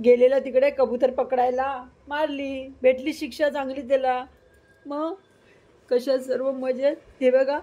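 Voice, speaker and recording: A woman from Maharashtra vlogging casually to her viewers and her small daughter, tearful and cooing in soft sing-song baby talk. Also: high-pitched, rough recording. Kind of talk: casual vlog talking to viewers and her child.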